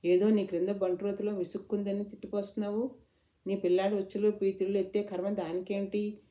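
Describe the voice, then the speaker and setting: A woman reading a storybook voices a sharp-tongued, self-pitying middle-aged mother-in-law who nags and wails. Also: medium pitch, flat delivery, a little fast, roomy sound, natural voice. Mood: scolding. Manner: nagging, then wailing laments.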